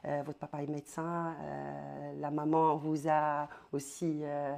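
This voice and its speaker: A woman interviewing a guest, asking questions haltingly with many fillers. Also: low-pitched, level tone, vocal fry, a little mellow. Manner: hesitant, many fillers, friendly.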